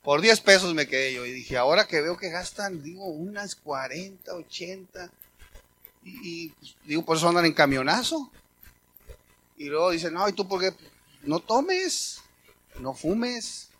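A man's voice: high-pitched, unhurried, a little hiss or hum. A middle-aged man with a Mexican Spanish accent giving a sermon testimony, telling stories and quoting conversations in a chatty way. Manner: conversational storytelling, animated quoting. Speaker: preacher.

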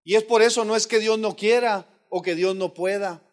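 A man preaching a sermon as pastor, swinging between rising shouts and sudden hushed asides. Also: high voice, steady tone, moderate pace.

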